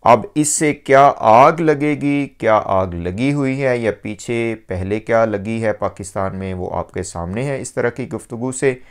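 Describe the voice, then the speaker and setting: A man giving a measured religious commentary, pausing often on fillers. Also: mid-range voice, smooth. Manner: measured, with frequent hesitation fillers.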